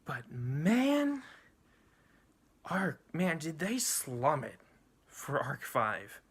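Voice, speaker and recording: A man's voice: on the high side, pushed and bright, slightly rough. A young man rambling bluntly and profanely through an anime ranking, with many restarts and fillers. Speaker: anime reviewer. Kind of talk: casual ranking rant.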